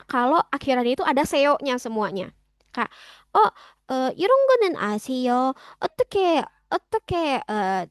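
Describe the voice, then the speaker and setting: A young woman runs a relaxed online Korean lesson, chatting easily and dropping in Korean example phrases. Her voice sits a little high. The sound is dry and close. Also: dry recording. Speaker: Korean language teacher.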